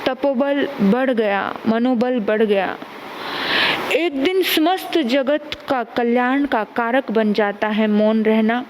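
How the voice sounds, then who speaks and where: A woman nun preacher giving a sermon, deliberate and repeating phrases for emphasis. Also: a little high, noisy background.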